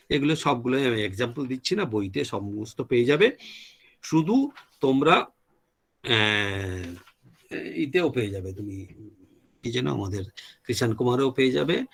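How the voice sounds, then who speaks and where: A man delivers a classroom lecture at a medium pitch. He spells out terms word by word, as if for note-taking, and switches into English for the technical phrases. Now and then he stops to ask whether everything is clear. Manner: dictates terms slowly, mixes English terms into Bengali, checks with "clear?".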